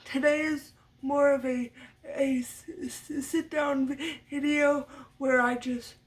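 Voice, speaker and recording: Seated at home with her dog close by, a young vlogger tells a story-time tale, frequently stuttering on repeated sounds. Her high voice is slow and flat. The mic picks her up from a little distance.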